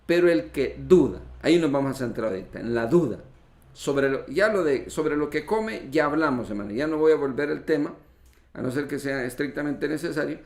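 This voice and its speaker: A pastor preaches a sermon in a fairly high, expressive voice, speaking fairly quickly with a darkish tone. Like a teacher, he explains word meanings step by step, covers spelling rules, and often addresses his listeners as brothers. The recording is an echoey livestream from a church hall.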